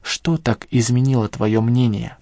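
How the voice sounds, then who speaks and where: A man's voice: medium pitch, steady tone, unhurried, warm tone, dry recording, studio quality, close to an everyday voice. A man reading an audiobook and voicing a captive young woman who speaks in a tired, contemptuous, ironic way. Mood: weary, scornful.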